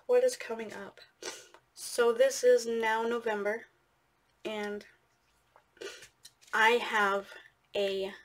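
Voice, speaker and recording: A woman hosting a casual giveaway announcement, chatting informally and speaking straight to her viewers. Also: on the high side. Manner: chatty, informal, addressing viewers directly as "you guys". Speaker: host of an art channel giveaway. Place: indoors at a craft table, overhead camera.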